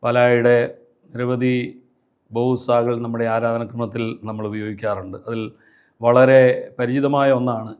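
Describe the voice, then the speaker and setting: A man, a priest, giving a measured lecture on liturgical music with a Malayali accent, slowly chanting verse lines and counting their syllables. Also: mid-range voice, level tone, darkish tone, clean tone.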